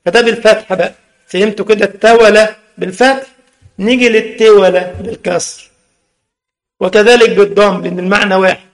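A high-voiced Egyptian man teaches about Islam, talking briskly with fairly even intonation. His lesson mixes formal language with everyday speech, and he keeps testing his listeners with questions.

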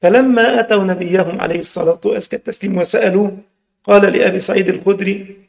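Egyptian male religious teacher, gravelly voice, mixes formal and colloquial speech. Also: high voice, fairly even intonation, rapid-fire, darkish tone. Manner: switches between formal Arabic and colloquial, quizzing listeners. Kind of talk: religious lesson.

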